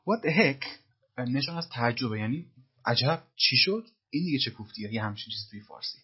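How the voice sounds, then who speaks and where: A man teaching English, who slowly repeats phrases from film dialogue and then explains them. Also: medium pitch, animated, husky, highs cut off.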